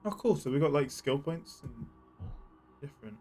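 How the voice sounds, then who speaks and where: A man's voice: fairly high pitch, animated, normal speed, a little mellow. A man doing casual let's-play commentary, playfully chatting back at the game's characters. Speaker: gamer playing through a game.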